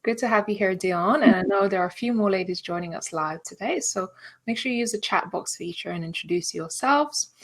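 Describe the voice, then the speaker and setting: A woman's voice: mid-range voice, brisk. A woman hosting an online business workshop, reading out a guest's introduction in an upbeat, friendly way. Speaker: workshop host.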